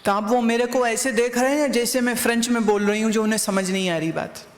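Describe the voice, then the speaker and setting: A woman's voice: on the high side, steady tone, a little fast, reverberant, big-room sound. A woman spiritual teacher giving a satsang discourse, teaching through anecdotes and rhetorical questions.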